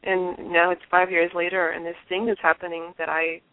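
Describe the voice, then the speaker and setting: A woman from Liberia, interviewed by telephone, speaks about her own experiences in an earnest, reflective manner full of restarts. Her pitch is fairly low and level, her speed normal. The line is tinny and dry, without echo.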